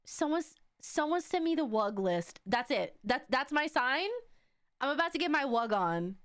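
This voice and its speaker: A woman livestream host chatting casually with viewers in a playful, campy, slangy and very expressive way. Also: high voice, moderate pace, clear, resonant tone. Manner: expressive, exclaiming and drawing out words. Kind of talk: casual livestream chat while opening card packs.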